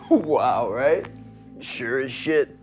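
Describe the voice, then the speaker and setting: A man's voice: medium pitch, expressive, very slow, a little mellow. An actor playing a crude, boastful man who tells a swaggering story in a film monologue, with music under the film audio. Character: crude boastful man recounting his teenage conquest.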